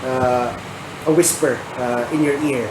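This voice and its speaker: Halting male game master in an echoey room. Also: medium pitch, fairly even intonation. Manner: halting, piecemeal delivery with frequent filled pauses. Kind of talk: improvised tabletop game narration. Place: indoor room shared with players. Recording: echoey room, clear background noise.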